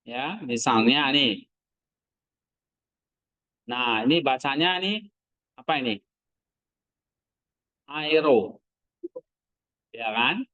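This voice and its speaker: Male teacher, classroom lesson, slow deliberate delivery, dry close sound. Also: mid-range voice, expressive, sharp tone, no echo, highs cut off. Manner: quizzing students with short questions. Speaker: Greek language teacher.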